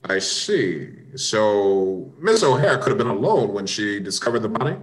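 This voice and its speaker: A man voices a calm, searching American police inspector in an amateur radio mystery, asking questions courteously in measured phrases. His pitch sits fairly low and has a sing-song lilt.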